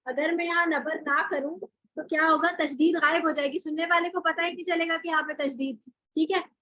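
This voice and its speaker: A woman's voice: very high voice, fairly even intonation, a little fast, sharp tone, dry recording, poor audio. A woman teaching Quran recitation in an online class, explaining rules step by step with rhetorical questions and spoken examples.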